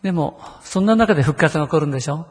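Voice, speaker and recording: A man's voice: fairly high pitch, animated, fast talker, husky, in a large hall. A man preaching a sermon in a conversational way, often asking the listeners rhetorical questions. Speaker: pastor.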